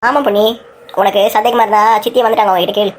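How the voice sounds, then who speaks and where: A woman's voice: mid-range voice, fairly even intonation, rapid-fire, a little hiss or hum, lightly acted. A woman voicing a caring young man who talks earnestly and persuasively in a cartoon story. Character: caring young man, protective of his cousin.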